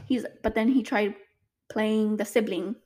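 A woman's voice: mid-range voice, steady tone, unhurried, dark tone. A young woman, a single mother, chatting emotionally to camera in a casual vlog, full of fillers.

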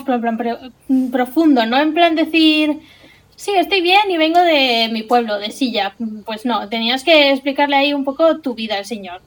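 A young woman, co-hosting a podcast and telling a story with lots of animation and laughter. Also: a little high. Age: young adult. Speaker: podcast co-host. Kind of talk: casual chat.

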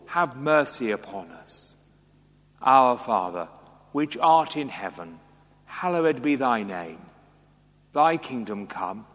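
A man leading a church service, reciting the creed and prayers in a measured, solemn intoning voice, heard with a cathedral echo in a large stone church. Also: mid-range voice, fairly bright tone. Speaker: church officiant.

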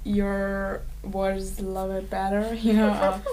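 A woman from Los Angeles co-hosting a podcast, cheery and quick to laugh during a word game. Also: mid-range voice, little pitch movement, dark tone, slight background noise. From Los Angeles, California. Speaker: podcast co-host. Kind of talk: casual game chat.

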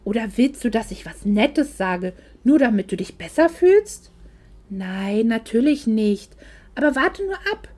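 A woman's voice: fairly high pitch, sing-song, unhurried, a little mellow. A woman voicing a cold, dismissive middle-aged mother who talks down to her grown daughter in a curt, condescending way. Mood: cool, reproachful.

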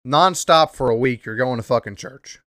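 A man's voice: mid-range voice, normal speed, a bit bright, dry recording, clean studio sound. A young man hosting a podcast, talking casually in a rambling, profane way with lots of "um" fillers. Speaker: podcast host. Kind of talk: casual monologue.

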